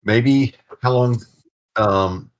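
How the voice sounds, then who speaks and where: A man's voice: mid-range voice, very slow. A man playing a tabletop game in casual chat, hesitant and full of questions. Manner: hesitant, asks many questions.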